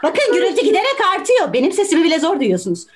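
A woman playing a calm juror who questions the evidence, speaking through a video call. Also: extremely high pitch, very fast, full character voice. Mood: earnest. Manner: reasoning, questioning, patient. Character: calm, persuasive juror doubting a guilty verdict. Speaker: juror in an online amateur play. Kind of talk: amateur video-call stage acting.

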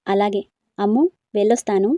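A woman's voice: medium pitch, steady tone, a little fast, dark tone, no echo, highs cut off, lightly acted. A woman reading a storybook, voicing an affectionate elderly grandfather who asks fond questions.

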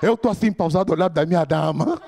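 A man's voice: on the high side, fast, creaky, darkish tone, a little hiss or hum. A man with an Angolan Portuguese accent performing a stand-up set on a comedy club stage, telling a story and acting out his friends' voices.

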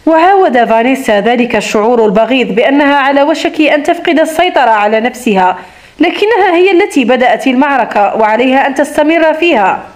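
High-voiced woman reading a romance novel. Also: lively intonation, quick pace. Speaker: audiobook narrator.

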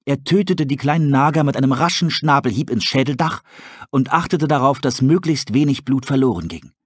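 A man reading an audiobook aloud in measured, steady storybook narration. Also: medium pitch, slightly rough, no room sound, clean studio sound. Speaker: audiobook reader.

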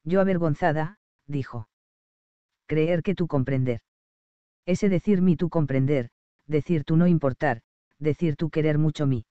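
A man's voice: fairly high pitch, a little slow, pauses often, clear, resonant tone, no echo, phone-quality sound, close to an everyday voice. A man voicing a proud young island woman who speaks in broken, simple phrases, hurt and earnest.

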